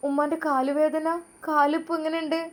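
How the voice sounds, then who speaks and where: A woman doing a hurt, gentle young wife. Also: high voice, level tone, fairly quick, voice pushed up, natural voice. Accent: Malappuram Malayalam. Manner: soft, respectful, self-reproaching.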